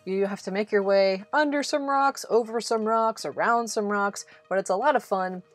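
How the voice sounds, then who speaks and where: A woman of medium pitch and moderate pace hosts a travel vlog, speaking directly to the listener. Her voice-over guide is casual and encouraging, accompanied by background music.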